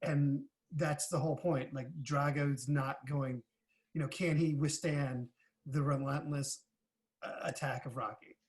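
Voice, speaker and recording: A man's voice: medium pitch, fairly even intonation, unhurried. A man co-hosting a casual movie podcast, repeating words as he builds his point.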